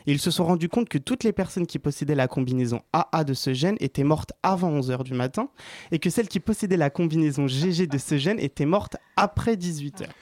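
A man's voice: fairly high pitch, expressive, brisk, a little mellow, no echo. A man giving a playful health column on the radio, chatty and joking, laughing often in a studio. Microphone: studio microphone.

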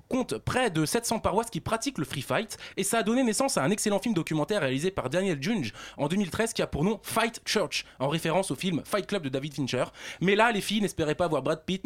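A young man delivering a comic news column on a group show, joking, excitable and laughing as he stumbles over his words. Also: high voice.

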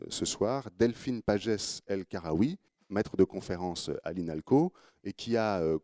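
A man's voice: sits low, mellow, no room sound, studio quality. A man with an English accent hosting a radio panel, introducing guests with frequent hesitations. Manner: hesitant, many fillers and restarts. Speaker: radio host.

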